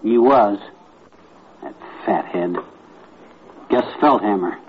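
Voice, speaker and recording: An actor playing a grumbling, touchy, blustering husband in a 1950s radio comedy. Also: male voice, lowish voice, lively intonation, takes it slowly. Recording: muffled old radio, faint noise.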